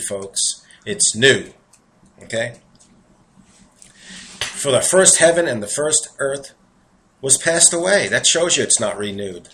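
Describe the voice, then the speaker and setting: Over poor audio with slight background noise, a New York-accented man delivers a sermon in a mid-range, slightly bright voice. He reads verses of scripture and pauses between them for sincere, chatty asides.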